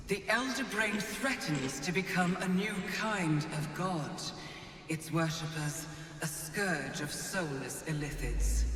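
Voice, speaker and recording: A woman voicing a solemn, commanding goddess of magic in a video game, with a stately goddess voice under a heavy otherworldly echo. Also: on the low side. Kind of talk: scripted video game dialogue. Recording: cavernous echo, long reverb, distant, noisy.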